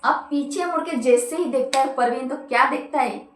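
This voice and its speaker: A woman tells a horror story casually, chatting to her listeners as friends. Her voice is high and lively with suspense. The room around her is echoey. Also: moderate pace, slight background noise.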